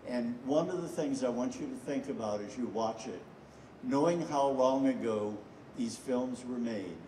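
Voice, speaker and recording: A man's voice: mid-range voice, dark tone, recorded from a distance, a little hiss or hum. Older man telling stories in an echoey hall. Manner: rambling and anecdotal, frequent "uh" pauses. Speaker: filmmaker introducing a screening. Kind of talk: storytelling speech to an audience. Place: festival screening hall.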